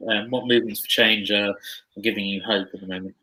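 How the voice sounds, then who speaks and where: Man, panel host, polite, halting, low flat voice, bright tone. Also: low-quality recording. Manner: polite, hesitant with fillers and repeats. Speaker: event host and moderator. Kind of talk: moderating a live-streamed panel.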